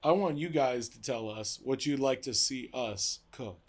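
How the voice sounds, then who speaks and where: Young man, husky voice, joking, self-deprecating, casual podcast chat. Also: medium pitch, unhurried. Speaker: podcast co-host.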